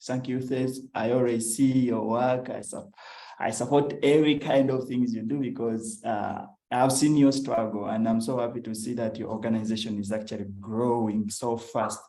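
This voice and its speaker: A man's voice: medium pitch, dark tone, roomy sound, rough recording. A young Ugandan man, a climate activist, telling his own story earnestly over a video call, with an Ugandan English accent. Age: young adult. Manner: earnest, storytelling, with frequent uhs. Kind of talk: personal talk on a video call. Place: at home.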